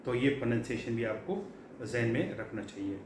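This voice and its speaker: In an echoey room with a faint background hum, a middle-aged man from Pakistan gives a classroom lecture on English vocabulary. His medium-pitched voice is animated and slightly mellow, and he explains patiently, repeats key words and fills pauses often.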